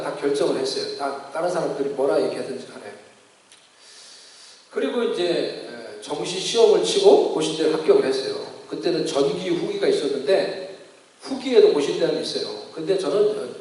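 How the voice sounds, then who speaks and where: High-voiced pastor in an echoey hall. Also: male voice. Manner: storytelling, acts out quoted voices, animated. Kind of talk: sermon with personal testimony. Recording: echoey hall, distant mic.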